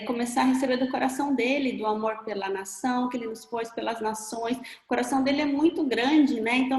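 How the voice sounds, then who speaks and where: A woman guest shares her faith in a casual talk. She speaks gently in a slightly high voice and stops now and then to find her words. The room is echoey, and a long reverb trails her voice.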